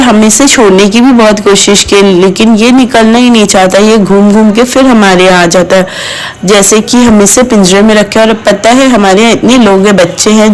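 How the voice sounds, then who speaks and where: Woman vlogger, mid-pitch voice-over, chatty and fond, keeps addressing viewers. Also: darkish tone, rough recording. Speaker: vlogger and mother. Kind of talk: chatty family vlog voice-over.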